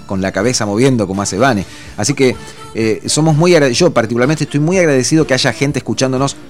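Effusive Argentine radio host with music. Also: male voice, medium pitch, fast. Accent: Argentine Spanish. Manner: warm, effusive, full of fillers and restarts. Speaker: radio host reading listener messages. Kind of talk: casual radio talk.

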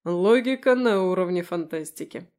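A calm, curt werewolf man with a dry wit, read by a woman in an audiobook. He answers flatly, in clipped, unbothered phrases. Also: lowish voice, normal speed, natural voice. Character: calm dry-witted male werewolf in human form. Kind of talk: audiobook character voice.

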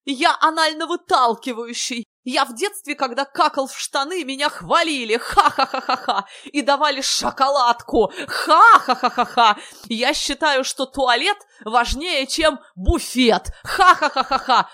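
A woman voicing a crude, childish young man with a shrill cackling laugh in an audiobook. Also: a little slow, sharp tone. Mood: gleeful.

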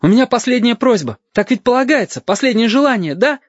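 A man's voice: extremely high pitch, lively intonation, fast talker, dry recording, pitched above the performer's own voice. A man voicing a scared but defiant young boy with a ringing voice, in an audiobook reading. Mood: pleading. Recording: dull, dry audiobook recording.

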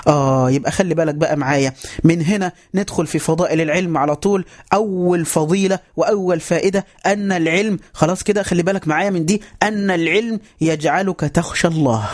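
A man's voice: on the high side, fast. A man with an Egyptian Arabic accent giving a religious lesson. He speaks emphatically, repeats phrases and keeps telling listeners to pay attention. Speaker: Islamic teacher. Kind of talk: religious lesson on a voice chat app.

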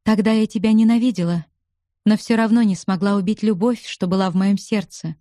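A woman's voice: medium pitch, fairly even intonation, a little fast, mellow, dry recording, studio quality, natural voice. A woman reading the part of an earnest, pleading young woman in love for an audiobook.

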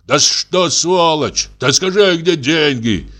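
A man voicing a calm, pious old pilgrim who talks slowly and reproachfully. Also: fairly high pitch, pitched above the performer's own voice, full character voice. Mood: pleading. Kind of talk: audiobook character voice.

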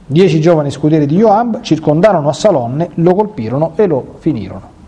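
A man's voice: a little high, lively intonation, fairly quick, mellow, breathy edge. A man teaching catechesis, reading Bible passages aloud and stopping to talk directly to his listeners. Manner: conversational, addresses listeners directly.

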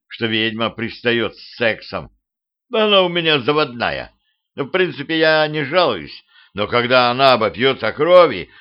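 A man's voice: mid-range voice, natural voice. A man doing a drowsy, puzzled hypnotist. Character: sleepy, easygoing man, a hypnotist. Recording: slightly dull homemade audiobook recording.

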